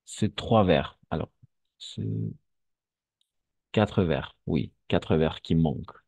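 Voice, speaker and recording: Male language teacher, very low dark voice, dry lo-fi sound. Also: dry recording. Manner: slow, patient, repeats phrases and switches to Spanish. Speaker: French teacher. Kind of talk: online French lesson for Spanish speakers.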